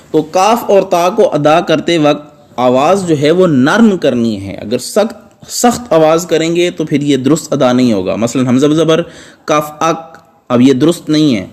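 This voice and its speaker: A man with a somewhat high voice teaches a recitation class. He works step by step and repeats each sound carefully so students can imitate it. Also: a little mellow. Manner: patient, repeats sounds slowly to model pronunciation. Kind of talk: step-by-step tajweed lesson.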